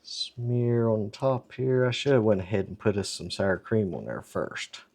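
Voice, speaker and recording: A man's voice: fairly low pitch, lively intonation, a little slow, a little mellow. A man, talking in a folksy, homespun way as he cooks supper at home for a casual cooking video. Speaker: home cook host. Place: home kitchen.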